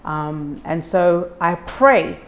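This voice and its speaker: A woman from Ghana, raised in the UK, hosting an interview and encouraging her guest with warm, frequent agreement. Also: lowish voice, expressive, drawn-out words. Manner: warm, encouraging, lots of backchannel. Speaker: host.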